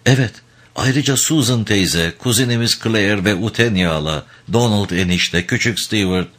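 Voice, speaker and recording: A man's voice: lowish voice, moderate pace, fairly bright tone, pitched above the performer's own voice. A man reading the part of Callum, a young man in grief over his lost family, in a raised, strained, tearful voice. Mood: grieving.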